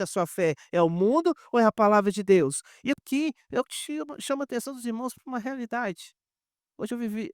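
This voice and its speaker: Recorded in a clean studio with no echo, this high-pitched male pastor has a Brazilian accent. His sermon is conversational and lively; he addresses the congregation head-on and performs the voices of the characters in his stories.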